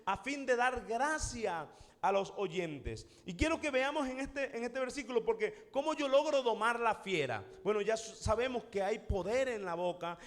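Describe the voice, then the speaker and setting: Man, preacher, high voice, emphatic sermon, echoing hall. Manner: emphatic, repetitive, addresses congregation directly. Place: church hall.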